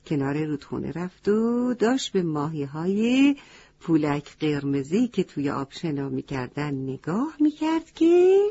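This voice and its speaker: A woman narrates a children's story, turning to ask her young listeners questions as she goes. Her voice is husky and mellow, and the recording sounds dull and dry. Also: on the low side, dry recording. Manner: addresses children directly with questions.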